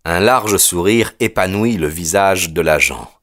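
A man reading an audiobook in scripted narration with a measured, even storytelling delivery. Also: deep voice, dry recording, studio quality.

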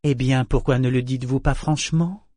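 A man voicing a strong-willed, quick-tempered young woman in an audiobook, speaking in a sharp, indignant way. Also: fairly high pitch, no echo, studio quality, pitched above the performer's own voice, lightly acted. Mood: sarcastic. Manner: sharp, raised, indignant delivery. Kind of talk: audiobook character voice.

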